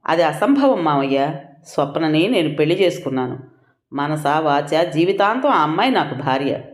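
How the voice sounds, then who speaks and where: A narrator voicing a young husband who speaks in a firm, measured, resolute way, recorded with a roomy echo. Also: medium pitch, big pitch swings, close to an everyday voice. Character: firm young husband defending his wife.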